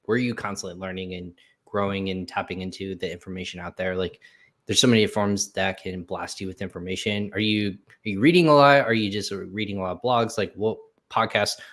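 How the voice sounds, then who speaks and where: A man with a fairly low voice hosts a business podcast. He talks casually and acts out snippets of dialogue as he tells a story. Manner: animated, acts out quoted dialogue. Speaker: podcast host. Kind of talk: casual interview chat.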